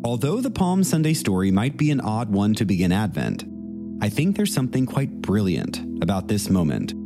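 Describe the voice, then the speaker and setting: A man, a priest, leading a reflective meditation and reading scripture in a measured, gentle voice. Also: lowish voice, sing-song. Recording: music playing underneath the voice. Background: soft instrumental music.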